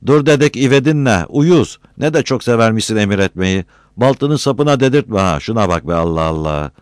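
A gruff, hot-tempered village loafer, voiced by a man, all coarse shouting and curses. The voice sits low but leaps wildly in pitch. It is heard dry and close, as in a storybook reading. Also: lively intonation, brisk, no echo, lightly acted. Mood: angry shouting.

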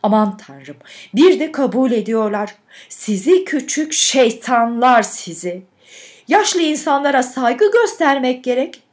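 Loud, drawn-out older proprietress, lively and high-pitched, tipsy and fussy, as a female reader puts her on. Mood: scolding. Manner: loud scolding, drawn-out words. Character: tipsy, fussy older woman workshop owner.

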